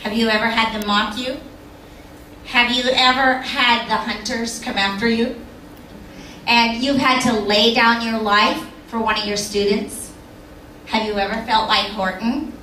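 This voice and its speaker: Bright-voiced woman speaking slowly in a hall. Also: a little high, fairly even intonation, far from the mic, a little hiss or hum. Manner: storytelling, reads verse aloud with rhythm; speaks to the audience with rhetorical questions. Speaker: banquet speaker. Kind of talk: inspirational speech. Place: banquet hall.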